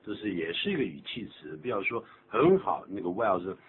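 Man, radio English teacher, low voice, animated, patient explanations, tinny lo-fi sound, faint hum. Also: a little fast. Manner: explains patiently, jokes, exaggerates pronunciation. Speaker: English teacher and program host.

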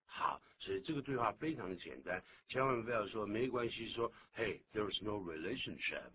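A man presenting a radio English lesson, lively and patient, often asking the listener questions. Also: fairly low pitch, moderate pace. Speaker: English teacher. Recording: dull, noisy old radio recording.

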